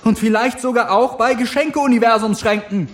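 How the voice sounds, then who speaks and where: A man voicing a spirited young woman companion in an audiobook, high and urgent. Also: moderate pace, soft background music. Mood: frantic.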